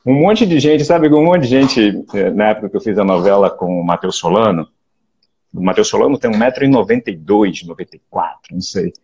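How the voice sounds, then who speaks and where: A Brazilian actor in his late forties from Rio de Janeiro with a Carioca accent, talking in a relaxed, reflective way over a video call, often restarting and adding "né?". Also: lowish voice, brisk, highs cut off, slight background noise. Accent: Carioca Portuguese. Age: late 40s. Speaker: actor, interview guest. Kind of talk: casual interview chat.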